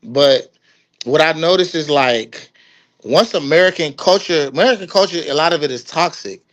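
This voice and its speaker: A man's voice: on the high side, normal speed, a bit bright. A young man from Washington, D.C., hosting a podcast in loose, slangy casual chat, laughing often. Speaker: podcast host.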